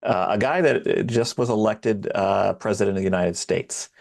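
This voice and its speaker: A male podcast co-host with a low, gravelly voice. He talks in a relaxed, deliberate way and teases his guest. His manner stays casual throughout. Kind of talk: casual interview chat.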